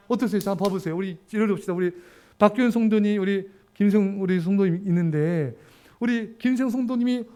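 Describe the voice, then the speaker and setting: A man with a notably high voice delivers a sermon at a church service. He preaches emphatically and keeps turning to the congregation with direct questions. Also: darkish tone. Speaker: pastor.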